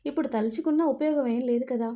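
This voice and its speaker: A woman voicing a caring, confident young man who speaks in a reassuring, gently teasing way in a Telugu audio story. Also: very high-pitched, fast talker.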